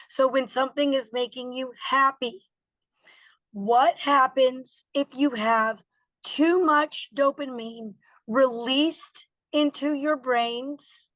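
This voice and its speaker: Hoarse lady teacher, kinda spooky croaky, takes it slow, encouraging kids in an online lesson, close dry sound. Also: sits high, a bit bright, no room sound, rough recording. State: hoarse, recovering from a lost voice. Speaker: teacher leading social emotional learning. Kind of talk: interactive online class for schoolchildren.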